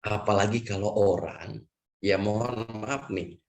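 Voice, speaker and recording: A man's voice: lowish voice, measured pace, a little mellow. A man giving a conversational religious health lecture, chatty and full of tag questions, who acts out a patient's prayers as he teaches. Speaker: lecturer on prophetic medicine.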